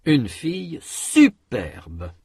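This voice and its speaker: Man, language-lesson model speaker, slow deliberate phrases, very lively intonation, husky, dry studio sound. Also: fairly high pitch, no echo. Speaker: model speaker for pronunciation drills. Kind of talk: recorded language-lesson example sentences.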